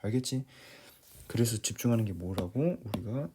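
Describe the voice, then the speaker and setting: A man's voice: lowish voice, expressive, moderate pace, background noise. A man teaching English reading in a casual lecture, talking plainly to his students, often rephrasing and checking in with them.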